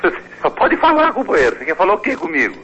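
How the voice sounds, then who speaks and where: A father shouting insults and scolding a young man over the phone, exasperated and furious. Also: high-pitched, huge pitch swings, rapid-fire, dull audio, a little hiss or hum. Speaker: father on a prank call. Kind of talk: heated phone argument.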